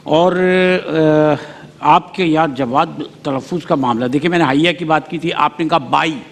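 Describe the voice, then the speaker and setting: A man's voice: fairly high pitch, unhurried, vocal fry. A man judging a speech contest on a studio panel, correcting each pronunciation slip one by one. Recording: reverberant studio hall.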